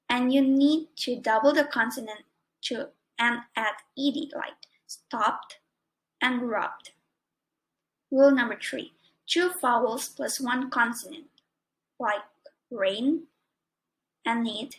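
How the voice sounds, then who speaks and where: The student presenter, a young adult woman with an Indonesian accent, works through her prepared grammar lesson word by word. She has a fairly high, fairly bright voice, captured on a rough recording.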